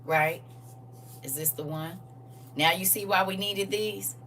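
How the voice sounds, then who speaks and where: A woman in her forties hosting a casual livestream, animated and teasing as she reads viewer comments aloud. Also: on the low side, a little slow, distant mic, a little hiss or hum.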